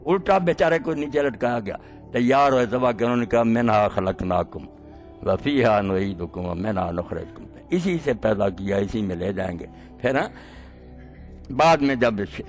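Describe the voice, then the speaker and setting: A man delivers a fervent sermon at a middle pitch. His voice swings between hushed passages and loud, emphatic ones. Faint music plays underneath. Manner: impassioned, swinging from soft to loud. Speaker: preacher.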